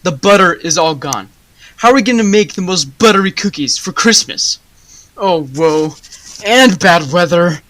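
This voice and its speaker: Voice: medium pitch, animated, a little slow, a bit bright. A student actor playing a fretful baker who fears ruin, with melodramatic wailing laments, in a school radio play. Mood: woeful. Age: teens.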